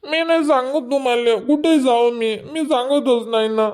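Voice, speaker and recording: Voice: high voice, fairly even intonation, moderate pace, a little mellow, smooth, close to an everyday voice. An actor voicing a sulky, whiny little village boy in a cartoon comedy, speaking with a Vidarbha Marathi accent and complaining to his grandmother. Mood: pleading.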